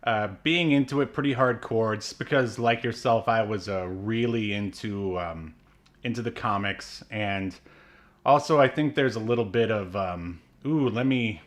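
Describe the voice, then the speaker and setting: Speaking a little slowly with a fairly low pitch, a man co-hosting a podcast rambles through casual chat, dropping in fillers and light laughter.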